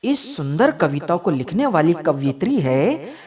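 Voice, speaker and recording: A woman from India teaching a recorded lesson to children, reading a poem line by line and then explaining it. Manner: sing-song, slow recitation with lively pitch.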